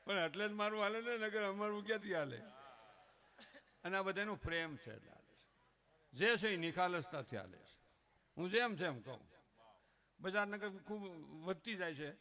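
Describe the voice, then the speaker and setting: A man's voice: high voice, lively intonation, normal speed, pauses often, pushed and bright. A middle-aged man with a Kathiawadi Gujarati accent, giving a humorous folk talk at a religious gathering, rustic and joking, mimicking villagers before turning earnest.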